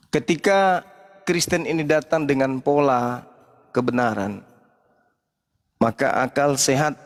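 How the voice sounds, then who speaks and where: A man arguing in a heated interfaith debate, preachy and mocking, at times mimicking shrill cries for help. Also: in a large hall.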